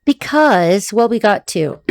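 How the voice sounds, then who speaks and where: A woman's voice: medium pitch, expressive, slow pace, darkish tone, no echo. A middle-aged woman giving a casual, rambling tarot reading to camera, laughing often as she talks. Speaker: tarot reader.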